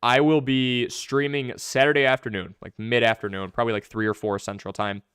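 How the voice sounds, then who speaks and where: A young man hosting a live fantasy football stream, answering viewer questions in quick, chatty commentary. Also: medium pitch, level tone, a bit bright, clean tone, no room sound, clean studio sound. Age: young adult.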